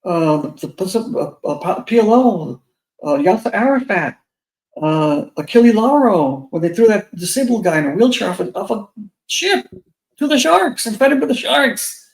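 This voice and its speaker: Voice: mid-range voice, very animated, moderate pace. Blunt talker with a big echoey room sound. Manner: blunt and heated, stumbling over restarts. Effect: echoey sound, as if in a big bare room. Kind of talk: casual opinion chat. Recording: echoey, roomy mic sound.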